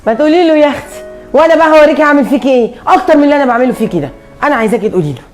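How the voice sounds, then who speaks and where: A woman's voice: sits high, lively intonation, faint music behind. Woman playing a spiteful Egyptian mother-in-law. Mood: scolding. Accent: Egyptian Arabic. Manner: scolding, rapid and sharp-tongued. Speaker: actress in a web drama.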